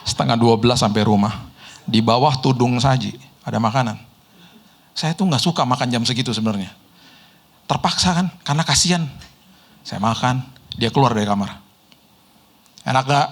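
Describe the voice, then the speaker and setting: A middle-aged man, preaching a sermon told through lively personal stories and chuckles. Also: medium pitch, brisk, long pauses. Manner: lively storyteller, mimics people in quotes, laughs often. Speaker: pastor.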